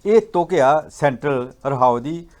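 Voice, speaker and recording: A man with a slightly raised voice gives a patient religious talk. He explains ideas step by step and slows down to recite verses in a measured way. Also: a little high, lively intonation, darkish tone. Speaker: guest speaker on Sikh scripture.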